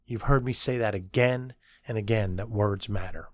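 A man's voice: lowish voice, normal speed, no room sound, studio quality. A middle-aged man hosting a podcast, telling a story in a casual, conversational way, with fillers and asides. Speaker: podcast host and agency CEO.

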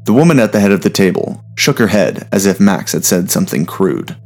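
A man narrating a story in a steady, measured reading voice. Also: sits low.

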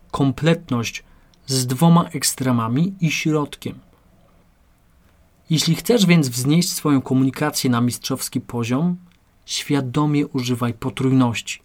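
A man reading a scripted audiobook lesson in a measured, explanatory way. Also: mid-range voice. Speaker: narrator.

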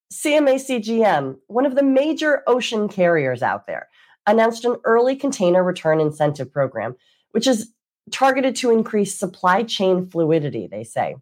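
A woman's voice: medium pitch, darkish tone. A woman with a congested, stuffy-nosed voice, hosting a weekly news breakdown as an attorney in a conversational, emphatic way. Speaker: host, maritime attorney.

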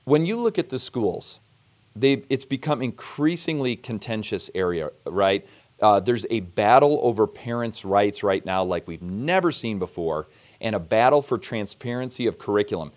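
A man's voice: lowish voice, lively intonation, moderate pace, a little mellow. A man hosting a podcast interview, talking in a reflective, conversational way before asking his guest a question. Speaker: podcast host.

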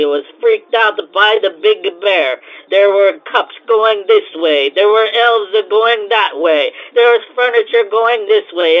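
A high, flustered cocoa-house owner, as a man acts him out rants in broken grammar and circles back to the same complaints. The voice sits well above a typical man's register. The recording sounds muffled and lo-fi, as if from a home setup. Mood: ranting. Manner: exasperated, repeats himself, broken grammar. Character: flustered male cocoa-house owner, frantic, put-upon.

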